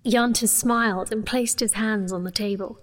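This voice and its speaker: A woman with a slightly high voice acts lightly as a sheltered, proud young sorceress relating her own tale in a fantasy audio drama, through first-person narration and dialogue. Her intonation stays fairly even at a moderate pace, earnest and intimate in a reflective mood, with a little hiss or hum.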